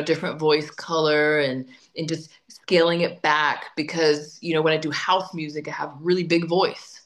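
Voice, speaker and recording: A woman singer-songwriter chats in a casual interview, emphatic and talkative, often repeating words as she thinks. Her voice is on the low side and a bit bright.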